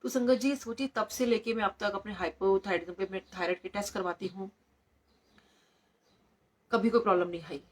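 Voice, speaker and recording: A woman's voice: mid-range voice, fairly bright tone. A middle-aged woman, a doctor, sharing devotional stories at a satsang, slipping English words into her narration. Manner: storytelling, code-switching into English.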